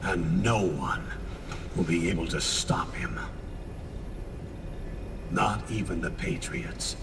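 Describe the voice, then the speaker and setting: A man's voice: deep voice, very animated, slow, vocal fry, in a large hall, far from the mic, background noise, exaggerated voice. A man playing an older military commander who gives a grave, commanding mission briefing in a video game. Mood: grave, urgent.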